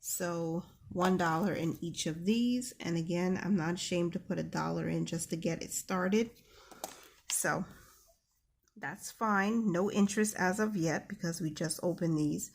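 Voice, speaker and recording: A personal finance vlogger with a New York accent sits at her desk at home, writing in her savings planner while casually and upbeatly walking viewers through it. Her voice is lowish, creaky, and husky, and she speaks a little slowly.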